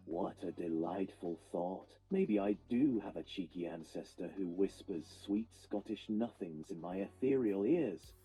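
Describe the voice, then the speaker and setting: A man's synthetic voice playing a gentle, whimsical ghost-cat AI toy with an English accent, speaking in flowery, poetic lines. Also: sits low, breathy edge, heavily acted, rough recording. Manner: flowery, poetic, reads out its own actions.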